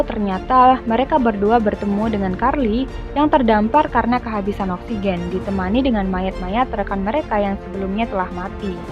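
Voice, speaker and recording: A woman narrates a film's plot in a scripted, even storytelling voice, moving through events one after another. The voice-over sounds slightly dull and lo-fi, with faint music playing beneath it. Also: a little high. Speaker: film recap narrator.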